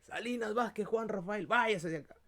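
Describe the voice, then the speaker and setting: A man's voice: sits high, moderate pace, gravelly, pitched above the performer's own voice. A Peruvian man voicing a stern male university professor who barks out commands and exam results in a Peruvian Spanish accent. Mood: commanding. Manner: loud, commanding announcements.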